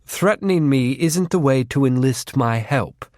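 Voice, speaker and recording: A man's voice: mid-range voice, expressive, unhurried, a little mellow, no echo, studio quality, lightly acted. Man voicing a cool, composed faery queen. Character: calm, orderly female faery queen.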